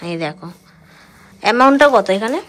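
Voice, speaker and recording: A woman's voice: on the high side, animated, fairly quick, a bit bright, a little hiss or hum. A woman chatting casually to viewers in a home vlog. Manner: chatty, talks to viewers directly. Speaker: vlogger.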